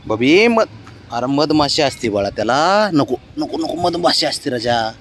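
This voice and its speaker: A young man outdoors talking to his pet cat in doting baby talk, coaxing it along and scolding it gently. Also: a little high, very animated, measured pace, a little hiss or hum. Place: outdoors, in sun and shade.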